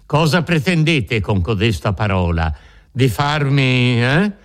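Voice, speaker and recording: A feared nobleman's stern, commanding voice, read by a man, scornful and weighty. He speaks slowly and deliberately, a storybook villain used to being obeyed. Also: medium pitch, sing-song.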